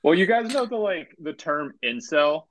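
A man's voice: fairly high pitch, sing-song, moderate pace, a bit bright, no room sound. A man co-hosting a casual chat, rambling with many fillers and casual swearing. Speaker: podcast co-host. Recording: dull, muffled sound.

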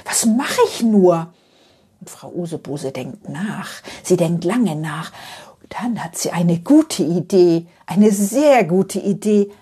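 A woman telling a bedtime story in a soft, half-whispered voice, with lulling repeated phrases. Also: on the low side, animated, takes it slowly, slightly rough.

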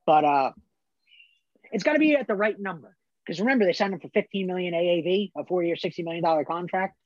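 A man's voice: high-pitched, fast, no echo. Man, sports talk co-host, emphatic opinions, dull muffled audio, dry room. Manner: emphatic, opinionated, bold predictions. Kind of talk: sports talk show debate.

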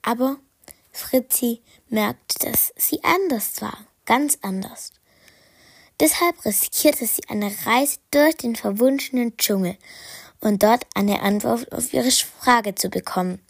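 A woman reading a children's story aloud, slowly and haltingly, correcting herself and sometimes whispering. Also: a little high, creaky, husky, dry recording, clean studio sound. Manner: slow, halting, self-correcting, partly whispered.

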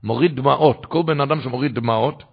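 A male preacher giving a fervent Torah sermon that swings up to loud exclamations. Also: mid-range voice, gravelly, husky. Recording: dull lo-fi recording.

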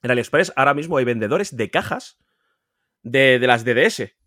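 A man from Spain with a Spain Spanish accent, a collector guest talking casually on a podcast, emphatic and animated, repeating words and swearing freely. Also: normal speed, dry recording, studio quality. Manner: animated, pitch jumping up when insisting. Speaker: guest, video game collector.

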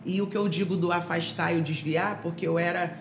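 A Rio de Janeiro woman gives personal testimony as a podcast interview guest, speaking briskly in a fairly low voice with fairly even intonation. She uses lots of fillers and restarts. Background noise, room echo and music are all audible.

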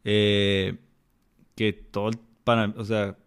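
A man with a Mexican accent talks casually and reflectively, dropping plenty of slang. His voice is gravelly and rough at the edges, and he speaks as a mentor of children. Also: lowish voice, little pitch movement, takes it slowly. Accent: Mexican Spanish. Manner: colloquial, full of slang, reflective. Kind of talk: casual interview conversation.

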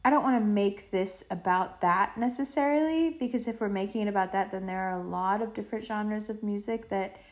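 A woman hosting a podcast alone, chatting casually and loosely with playful slang, swearing and drawn-out emphasis. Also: mid-range voice. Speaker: podcast host. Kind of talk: casual rambling solo chat.

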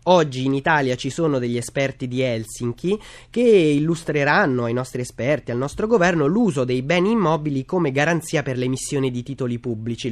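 A man hosting a radio news programme, putting detailed questions to guests. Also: mid-range voice. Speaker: radio host.

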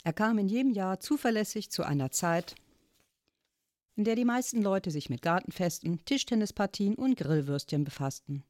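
A woman reading a children's chapter book aloud in a calm storytelling manner. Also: medium pitch, normal speed, dry recording, clean studio sound. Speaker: audiobook reader. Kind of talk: scripted story narration.

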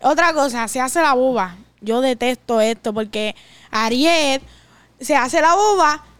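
A woman in a casual family podcast, airing complaints with animated mimicry of others. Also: high-pitched, measured pace, smooth, dry recording.

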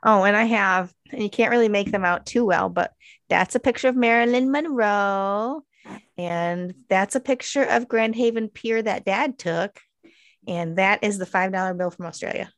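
A woman's voice: mid-range voice, normal speed, no room sound. A woman co-hosting a podcast, chatting casually and rambling with lots of fillers from her craft room at home. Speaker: podcast co-host. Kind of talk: casual chat.

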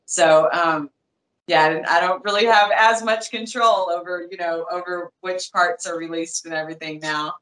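A woman's voice: fairly low pitch, steady tone, moderate pace, fairly bright tone, rough recording. A woman in her thirties with a light Southern US accent, a former boxer chatting as a guest, rambling with lots of fillers and restarts. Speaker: guest, former boxing champion. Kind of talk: casual interview chat.

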